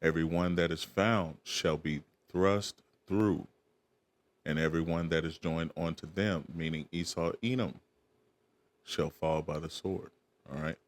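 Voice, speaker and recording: Deep-voiced man preaching from scripture. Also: steady tone, unhurried. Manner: reads archaic verses, tags asides with "all right?". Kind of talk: scripture reading with commentary.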